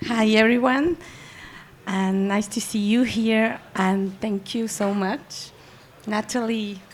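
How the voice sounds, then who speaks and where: A woman from Switzerland, a magazine founder speaking as a panel guest, nervous and halting. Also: medium pitch, fairly even intonation. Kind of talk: live panel discussion.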